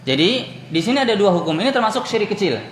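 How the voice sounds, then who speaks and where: A man's voice: high-pitched, sing-song, fast talker. A man from Indonesia teaching an Islamic study lesson, asking his listeners questions and answering them himself, telling anecdotes with light laughter. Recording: echoey room with faint background noise.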